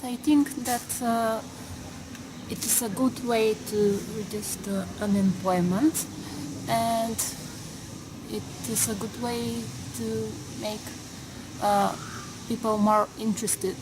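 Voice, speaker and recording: A woman of twenty-two, a student answering interview questions slowly, pausing often on fillers. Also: mid-range voice, fairly even intonation. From Bulgaria. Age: 20s. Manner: hesitant, many pauses and fillers. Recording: noisy background.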